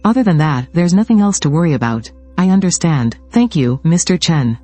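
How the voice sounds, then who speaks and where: A man reading out a story recap, voicing every part in a steady, even way. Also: fairly high pitch, fairly quick, faint music behind. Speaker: recap narrator. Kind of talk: scripted story narration.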